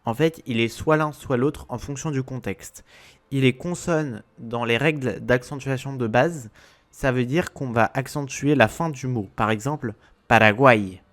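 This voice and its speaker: A man's voice: mid-range voice, moderate pace. Methodical grammar explainer man. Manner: methodical, spells out rules step by step. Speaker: Spanish grammar teacher. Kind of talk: scripted explainer narration.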